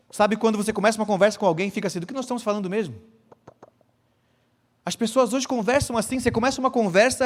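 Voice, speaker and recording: A Brazilian pastor giving a conference lecture. He teaches step by step, repeats his key points and acts out short example conversations. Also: high-pitched. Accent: Brazilian Portuguese. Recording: long hall reverb.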